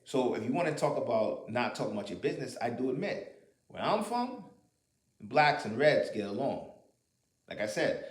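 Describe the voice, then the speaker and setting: Argumentative man in an echoey room. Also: mid-range voice. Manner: argumentative, rhetorical questions, profanity. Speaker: commentator. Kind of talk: casual monologue.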